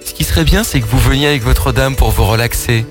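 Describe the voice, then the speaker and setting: An unflappable new-age man speaks with calm, formal courtesy, as a man puts him on, his voice at an ordinary middle pitch. Music plays clearly behind him. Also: quick pace, lightly acted. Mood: serene. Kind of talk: radio prank call.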